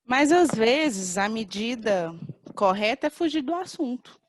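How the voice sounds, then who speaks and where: A woman's voice: fairly high pitch, animated, unhurried, noisy background. Direct Brazilian woman asking questions. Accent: Brazilian Portuguese, Minas Gerais. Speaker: class participant. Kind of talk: casual chat.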